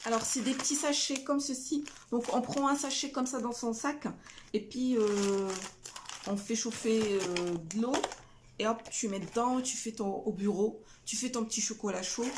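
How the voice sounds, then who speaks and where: A woman's voice: medium pitch, a little mellow, slight background noise. A middle-aged woman casually chatting about her shopping haul, hesitant with many fillers and restarts. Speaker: family vlogger showing a shopping haul. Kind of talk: casual haul chat to camera.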